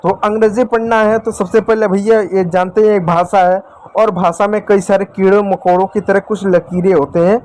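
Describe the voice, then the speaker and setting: A man's voice: sits high, fairly even intonation, normal speed, darkish tone. A man teaching a beginner language lesson to children, repeating his points and stretching out letter sounds. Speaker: English teacher. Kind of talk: classroom-style lesson.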